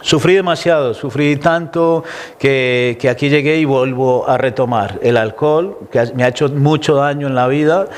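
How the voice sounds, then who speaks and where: A man's voice: mid-range voice, normal speed. A man from Colombia with a Colombian accent, a guest giving an emotional, reflective personal testimony in an interview. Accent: Colombian Spanish. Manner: emotional, reflective storytelling with many restarts.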